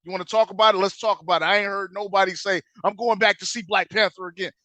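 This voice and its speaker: A man co-hosts a podcast, ranting loudly and profanely in animated slang. His voice sits high and bright, recorded close and dry with no room around it. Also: fast talker, no echo. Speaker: podcast co-host. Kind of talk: casual podcast banter.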